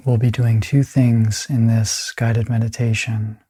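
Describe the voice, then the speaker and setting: A man's soft, breathy voice at medium pitch leads a guided meditation. The pace is calm and soothing, broken by pauses between phrases.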